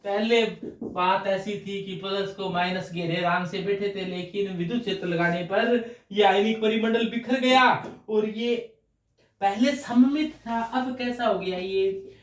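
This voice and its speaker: A man's voice: high voice, steady tone, measured pace, recorded from a distance. A man teaching a chemistry class, explaining step by step and answering his own questions. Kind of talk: classroom lecture. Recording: roomy echo, voice from off mic.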